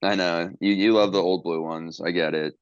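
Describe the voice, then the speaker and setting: Brief: low, smooth-voiced male podcast host, loose and profane, muffled dry sound. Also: fairly even intonation, moderate pace, no room sound. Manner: rambling, profane, with many fillers and restarts. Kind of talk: casual podcast chat.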